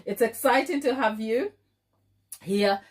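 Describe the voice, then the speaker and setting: Speaking slowly in a fairly high voice, a Ghanaian-accented woman runs her baking livestream as a relaxed live chat. She's playful and affectionate, repeating phrases to drive them home.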